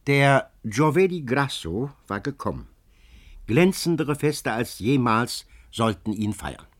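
A man narrating classic prose dramatically, swelling loudly and dropping to whispers. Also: mid-range voice, sing-song, takes it slowly. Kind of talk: audiobook reading of classic prose.

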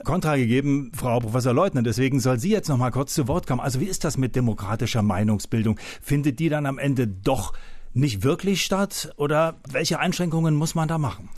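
A man's voice: mid-range voice, expressive, brisk, a little mellow, no echo. Man moderating a radio panel. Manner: questioning, steering the debate. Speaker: radio show host.

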